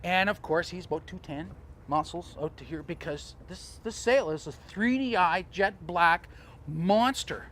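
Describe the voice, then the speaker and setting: A man coaching sailors on sail trim, talking in an animated, storytelling way with chuckling asides. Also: sits high, unhurried. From Canada. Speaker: sailing coach. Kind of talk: outdoor teaching talk.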